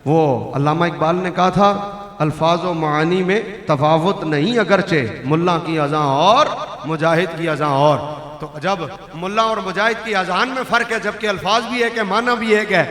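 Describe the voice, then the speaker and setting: A man preaching a sermon to a gathering, swinging from soft talk to loud, dramatic shouting. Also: on the high side, a little slow. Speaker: religious preacher. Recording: echoey hall with long reverb.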